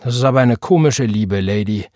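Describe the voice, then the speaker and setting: A man voicing a sulky, contemptuous teenage boy who mocks and sneers, with a husky voice, in an audiobook reading. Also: medium pitch, brisk, a little mellow, no echo, clean studio sound, lightly acted. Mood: scornful. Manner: sneering, mocking.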